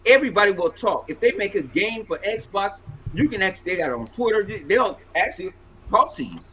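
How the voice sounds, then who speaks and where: A man in his forties hosting a podcast, ranting in a loud, profane, animated way. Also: high voice, a little fast, low-quality recording. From Los Angeles. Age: 40s. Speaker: podcast host. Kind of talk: casual podcast banter.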